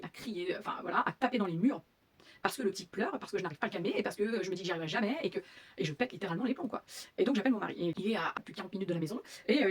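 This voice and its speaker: A woman's voice: medium pitch, slightly rough. A young woman telling her own story as a mother, hesitant, with many fillers and restarts. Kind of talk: personal testimony.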